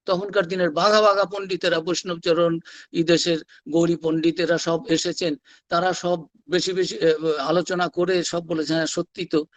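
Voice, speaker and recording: A monk delivering a devotional talk at an online gathering, reading letters aloud and telling stories with animated quoted voices. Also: male voice, sits high. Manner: animated storytelling, voicing quoted figures. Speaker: monk giving a religious talk. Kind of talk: devotional discourse with read-out letters. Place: online satsang session.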